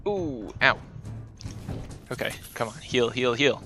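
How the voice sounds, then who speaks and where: Gravelly man joking over gameplay. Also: mid-range voice, lively intonation, takes it slowly. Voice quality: playful, exclamatory, mutters to himself. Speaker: gamer. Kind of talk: let's-play commentary. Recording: commentary over game music.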